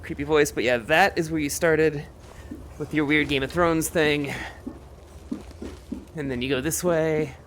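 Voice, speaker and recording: A man's voice: on the high side, fairly even intonation, unhurried, long pauses, fairly bright tone, slight background noise. A man streaming a game, rambling to himself in casual commentary as he plays. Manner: rambling, talks to himself while playing.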